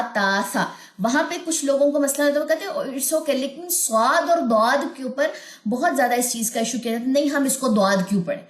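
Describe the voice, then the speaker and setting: A woman teaching Quran recitation in a recorded online lesson, patiently explaining sounds and chanting verses slowly and melodically. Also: on the high side, echoey room.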